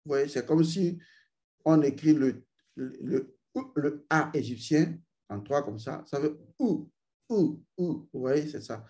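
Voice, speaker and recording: A man teaching a spiritual ritual, speaking slowly and intoning drawn-out vowel sounds for his students. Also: fairly high pitch, darkish tone. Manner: addresses learners directly, repeats "vous voyez". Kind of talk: esoteric ritual instruction.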